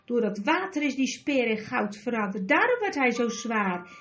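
A woman voicing a bold, quick-witted young boy in a storybook reading, urgent and commanding. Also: on the high side, very animated, highs cut off. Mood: explaining.

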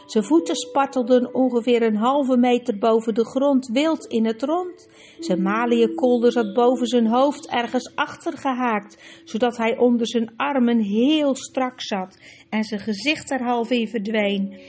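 A woman reading a storybook aloud in a lively, expressive way. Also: fairly high pitch, unhurried. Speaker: narrator.

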